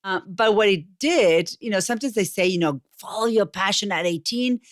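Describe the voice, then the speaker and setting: A woman in her forties from Buenos Aires, Argentina, speaks with an Argentine Spanish accent as a podcast guest and communications coach. She tells her story conversationally in an interview, her mid-range voice moving at a moderate pace. The recording is dry and studio quality.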